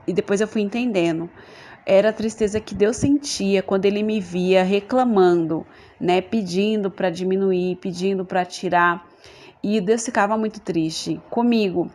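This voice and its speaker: A woman's voice: medium pitch, measured pace, darkish tone. Earnest Brazilian woman giving church testimony. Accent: Brazilian Portuguese. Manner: earnest, addresses listeners as brothers, frequent tag questions. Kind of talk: religious testimony to a congregation.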